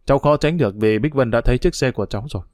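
A man's voice: medium pitch, very fast, darkish tone, no room sound, natural voice. Man doing a worried older aunt, proper, anxious questioning, dry audiobook sound. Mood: calm.

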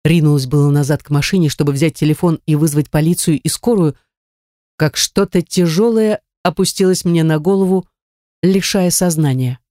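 A mid-pitched audiobook narrator carrying a first-person story with a brash, crude, sardonic bite. The recording is close and dead dry, with no reverb at all. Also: moderate pace, dark tone.

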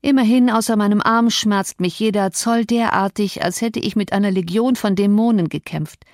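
A woman's voice: mid-range voice, moderate pace, no echo, clean studio sound, lightly acted. A woman reading an audiobook, voicing an injured, bitter young man who talks in a pained, strained way. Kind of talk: audiobook character voice.

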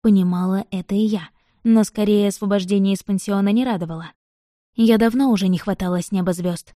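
A woman reading a first-person novel aloud in an even, measured storytelling manner. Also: mid-range voice, no echo, clean studio sound. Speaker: audiobook narrator. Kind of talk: audiobook narration.

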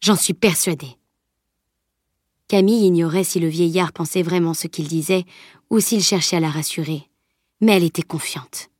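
A woman narrating a novel in an audiobook with a calm, even reading. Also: lowish voice, brisk, no room sound, clean studio sound. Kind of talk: scripted narration.

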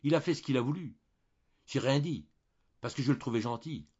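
A man voicing a young peasant maid who sobs and confesses in halting, broken rustic speech. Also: mid-range voice, darkish tone, breathy edge, highs cut off, voice pushed up, lightly acted. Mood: feverish confession.

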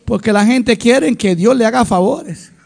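A middle-aged male pastor preaching with passion, swinging between loud declarations and hushed asides. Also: very high voice, a little slow, creaky. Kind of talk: sermon.

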